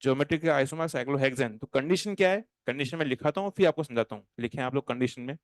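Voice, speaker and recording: A man lectures on chemistry to a classroom of students, animated and playful. He slows to a crawl when he dictates notes. His voice is smooth and clear, recorded dry and close with little room sound. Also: mid-range voice, no room sound. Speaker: chemistry teacher.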